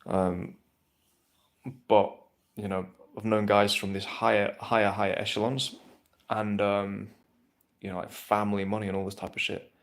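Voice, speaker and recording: Fielding viewer questions on a live stream, this man in his thirties is blunt and swears casually a lot. His voice is low and gravelly, his delivery flat and level, moving at a moderate pace with long pauses.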